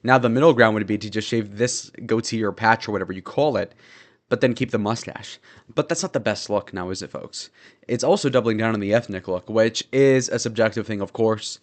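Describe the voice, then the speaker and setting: A young man streaming, talking fast in a casual, rambling, sarcastic way as he reads chat comments. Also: on the low side. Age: young adult.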